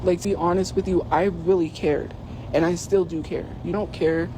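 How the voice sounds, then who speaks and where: A man's voice: sits high, steady tone, moderate pace, noisy background. A man telling an emotional personal story in a rambling, filler-heavy way, recorded outside.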